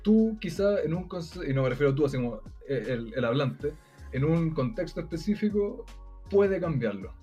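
Chilean man, Chilean Spanish accent, casual debate, rambling delivery, soft music bed. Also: on the high side, sing-song, moderate pace, breathy edge. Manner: rambling, many fillers and restarts.

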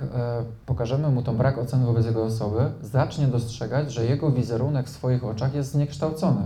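A man's voice: medium pitch, warm tone, echoey room. A man, a psychotherapist, giving a live lecture to an audience, explaining at length with frequent hesitation fillers and tag questions.

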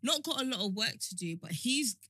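Woman on a podcast, really bright voice, bounces all over the place, dry close sound. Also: fairly high pitch, brisk, breathy edge, no room sound. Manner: animated, laughing storyteller. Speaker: podcast co-host. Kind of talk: casual chat.

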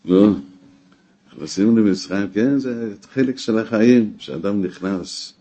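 A man teaching a weekly Torah class, emphatic, rising to exclamations and dropping low again. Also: dark tone. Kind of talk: spoken Torah lesson.

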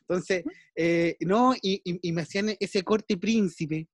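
A man's voice: high voice, slow pace, dry recording. A man with a Chilean accent co-hosting a casual podcast, rambling with restarts and self-deprecating jokes. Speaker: podcast co-host.

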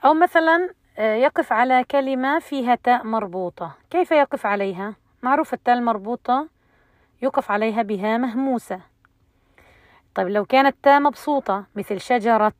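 A woman's voice: fairly high pitch, no echo. Woman teaching recitation, dry close sound. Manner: explanatory, pausing often with fillers. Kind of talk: lesson on Quran recitation rules.

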